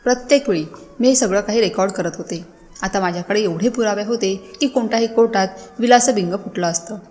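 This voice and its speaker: A woman narrating a first-person family story in a steady, measured way. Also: medium pitch. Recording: long hall reverb.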